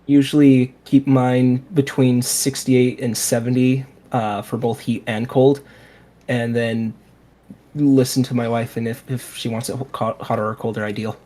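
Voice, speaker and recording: A man in his late twenties who grew up in Utah, chatting in a relaxed, matter-of-fact way. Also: medium pitch, unhurried. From Utah, USA. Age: late 20s. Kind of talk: casual chat.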